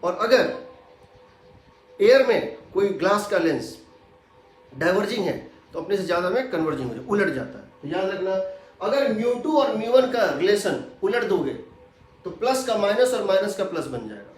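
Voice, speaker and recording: A man's voice: sits high, very animated, normal speed. A man teaching physics in a lecture, explaining step by step and repeating key points. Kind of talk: classroom lecture. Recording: very echoey room.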